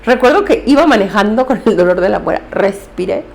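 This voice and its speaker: A woman's voice: mid-range voice, animated, a little fast, vocal fry. A woman therapist, giving earnest, direct advice on handling emotions.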